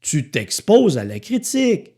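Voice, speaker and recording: Speaking at a measured pace, this Québécois podcast host has a high-pitched, dark-toned voice that swings widely in pitch. His motivational monologue from Quebec is blunt, sarcastic and full of profanity, aimed straight at the listener.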